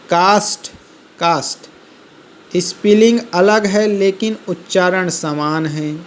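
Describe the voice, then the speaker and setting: A male teacher giving a vocabulary lesson, explaining slowly, repeating each word and spelling it out letter by letter. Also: sits high, a little hiss or hum.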